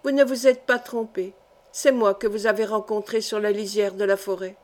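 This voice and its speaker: A woman reading the part of a sorrowful, reserved young noblewoman, quiet and guarded, in an audiobook. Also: medium pitch, fairly even intonation, moderate pace, close to an everyday voice. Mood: subdued.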